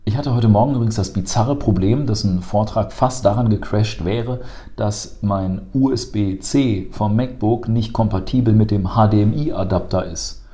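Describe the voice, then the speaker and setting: Seated on a sofa in a bright office room, a man in his thirties who teaches emergency medicine explains stress and thinking to a colleague. He talks fluently, like a lecture, with lots of filler sounds, in a lowish voice at normal speed, captured on a lapel mic.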